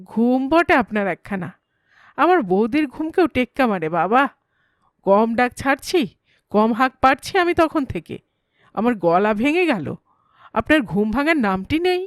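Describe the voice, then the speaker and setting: A woman voicing a cheeky young man who chatters and teases in a comic audio story, in a high, dry voice. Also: sing-song, no room sound. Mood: teasing. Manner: teasing, chattering, quick to joke. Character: young male errand-runner, cheeky and giggling.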